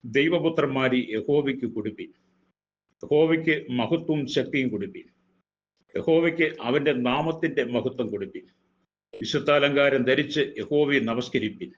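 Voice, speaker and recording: A pastor reads a scripture passage aloud, a man's voice of middling pitch moving at an even, declaiming pace. The recording is dull and lo-fi, with the top end muffled. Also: normal speed.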